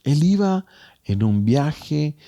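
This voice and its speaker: A male pastor preaching a sermon, repeating phrases for emphasis and swinging between raised cries and hushed lines. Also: a little high, very animated, slow pace.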